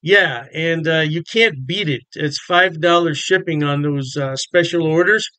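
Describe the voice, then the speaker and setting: Chatty older man, clear dry voice. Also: a little high, unhurried, bright, forceful tone, no echo, poor audio. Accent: American. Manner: chatty, folksy, enthusiastic. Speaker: beer vlogger. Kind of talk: casual talk to camera. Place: home bar room with framed beer signs.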